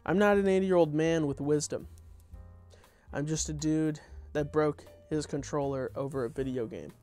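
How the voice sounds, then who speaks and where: A young adult content creator does an informal table read of his own comedy script, tossing in wry, off-the-cuff asides. His voice is on the high side and a little mellow, at a moderate pace, with faint music in the background.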